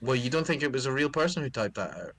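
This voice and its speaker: Lively, playful man chatting. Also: mid-range voice, fast talker, dry recording. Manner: playful, reads text aloud dramatically. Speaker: game developer. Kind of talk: casual livestream chat.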